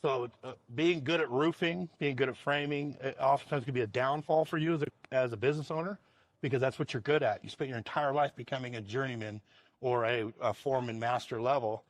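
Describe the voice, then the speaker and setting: Man, company owner, casual interview talk, rambling, repeats words, mid pitch, dry sound. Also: a little fast, no echo. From Washington state, USA.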